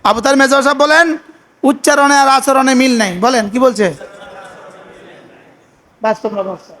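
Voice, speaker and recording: A male preacher. He keeps quizzing his listeners with the same question and chants Arabic prayers at a slow, deliberate pace. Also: very high voice, steady tone, fairly bright tone. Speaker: Islamic preacher. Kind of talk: sermon.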